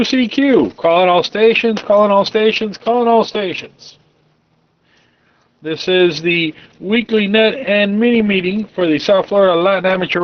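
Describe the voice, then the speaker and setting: A man's voice: high voice, no echo, muffled recording. Man running a ham radio net over the air. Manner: relaxed, joking, loose running commentary. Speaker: net control operator of an amateur radio club net. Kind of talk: directed ham radio net, casual chat.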